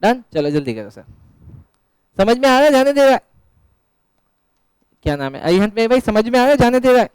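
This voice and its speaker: A man's voice: extremely high pitch, big pitch swings, a little fast, pauses often, a little mellow, clear, resonant tone, no room sound, rough recording. A male teacher giving a live classroom lecture, asking questions and answering them himself, and teasing his students in chatty banter.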